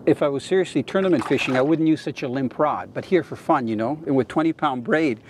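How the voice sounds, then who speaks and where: Male Canadian fishing host, 50s, slightly high pitch, keen and explanatory, casual delivery from a kayak. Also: fast, a little mellow, a little hiss or hum. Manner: enthusiastic, explanatory. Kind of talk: casual on-camera fishing commentary. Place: outdoors in a kayak on a lake.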